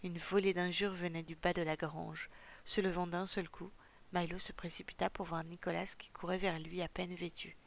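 A woman narrates a storybook chapter in a measured, steady way. Her voice is low and gravelly, and its melody stays quite flat. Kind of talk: audiobook narration.

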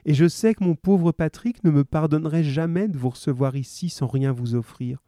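A man's voice: fairly high pitch, moderate pace, dark tone, dry recording, clean studio sound, lightly acted. A man voicing a scheming young widow who sweetly pleads with the police, reading a crime story aloud. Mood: pleading.

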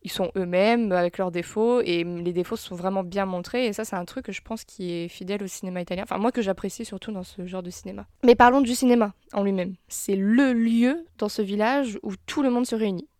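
A woman's voice: mid-range voice, brisk, hardly any pauses, mellow, no echo, studio quality. A woman hosting a casual film review podcast, chatty, mixing English phrases into her talk. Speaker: podcast host.

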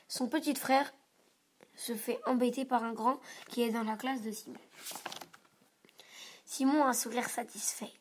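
A woman reading a children's picture book aloud in an expressive, lively way. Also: fairly high pitch, measured pace, long pauses, a little hiss or hum. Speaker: reader. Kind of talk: children's story read-aloud.

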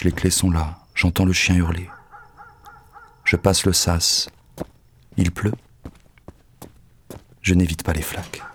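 A bitter, crude poet, lonely and lovesick in an audio drama. The voice sits very low and flat, with little rise or fall, and the delivery is curt and gruff, slipping into hushed, half-whispered passages. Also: male voice, slight background noise. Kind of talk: poetic audio-drama monologue.

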